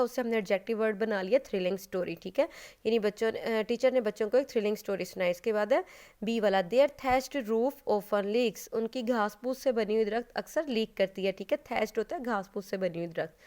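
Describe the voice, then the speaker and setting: Clear-voiced woman teaching a class. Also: a little high, darkish tone. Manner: patient, explains step by step, often checks with "okay?"; mixes English terms into her explanations. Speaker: school English teacher. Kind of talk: recorded online class lecture.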